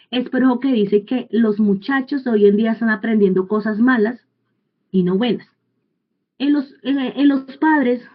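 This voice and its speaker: A woman preaching a sermon in an earnest teaching manner, often restarting sentences and asking rhetorical questions. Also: on the high side. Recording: tinny phone-like sound.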